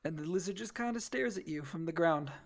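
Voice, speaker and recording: A man's voice: fairly high pitch, animated, brisk, creaky. Rambling man narrating as game master. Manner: loose, rambling narration with fillers.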